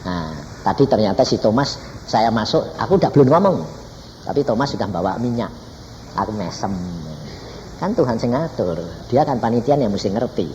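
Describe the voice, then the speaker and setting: An older male evangelist with a Javanese accent, preaching in an animated storytelling style with a lively, swinging pitch. His voice rings through a long reverberant hall with a faint wash of ambience behind it. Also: normal speed, dull audio, slight background noise. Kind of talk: sermon with acted-out dialogue. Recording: distant, echoey church hall with faint ambience.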